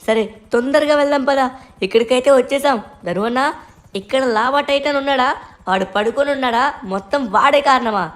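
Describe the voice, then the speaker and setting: A cheeky little cartoon boy sidekick, as a woman plays him, high and quick, firing off excited questions. He rattles along at speed in a gameplay role-play. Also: lightly acted. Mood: excited chatter.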